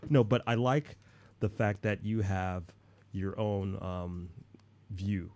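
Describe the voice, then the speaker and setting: A man hosting a casual livestream chat, excitable and loose, calling his guest dude and swearing freely. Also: sits low, takes it slowly. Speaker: show host.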